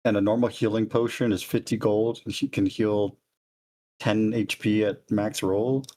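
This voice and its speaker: Low-voiced, blunt male player. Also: flat delivery, a little slow, mellow. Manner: blunt, argumentative, swears casually. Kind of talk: casual tabletop play.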